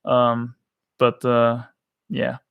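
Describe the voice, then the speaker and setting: A gravel-edged male voice with an Austrian lilt, talking loosely on a livestream. He rambles and jokes his way through viewer comments, at a middling pitch. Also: monotone, very slow, narrow, tinny audio. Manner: rambling, joking, reads chat comments aloud. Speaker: streamer answering chat. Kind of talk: casual livestream chat.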